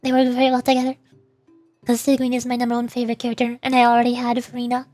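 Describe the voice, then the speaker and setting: Over game music, a woman streamer chats playfully while playing a video game, tossing in silly sound effects. Her voice is fairly high and darkish, delivered in a rapid-fire monotone with no room sound.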